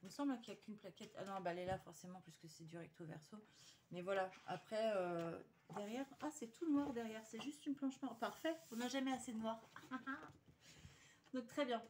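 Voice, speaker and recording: A woman's voice: on the high side, fairly quick, darkish tone, slight background noise. A woman chatting casually to her viewers while showing a paper haul, hesitant with many fillers and restarts.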